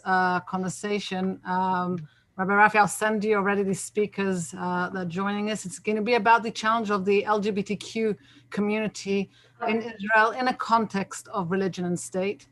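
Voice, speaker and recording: A woman's voice: mid-range voice, fairly even intonation, moderate pace. A woman organizing the series from Israel, wrapping up and announcing the next talk, hesitant with many fillers. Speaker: event organizer.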